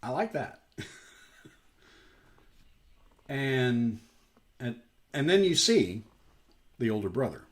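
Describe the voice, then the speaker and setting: A man in the middle pitch range leading a casual Bible study, his voice rising and falling a great deal as he talks. He speaks conversationally and loosely, filling his sentences with "you know.". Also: slow, pauses often. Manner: animated, conversational, many fillers like "you know". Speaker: host of a daily scripture stream.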